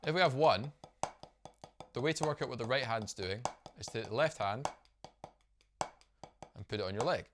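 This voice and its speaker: A man's voice: mid-range voice, normal speed, long pauses, background noise. A man teaching a drum lesson at a practice pad, upbeat and explanatory, counting rhythms aloud. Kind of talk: instructional video lesson.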